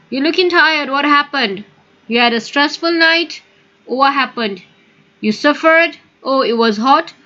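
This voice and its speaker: A woman's voice: high-pitched, bright, forceful tone, lo-fi sound. A woman with an Indian English accent teaching a spoken English lesson, explaining patiently and often turning to her listeners with direct questions.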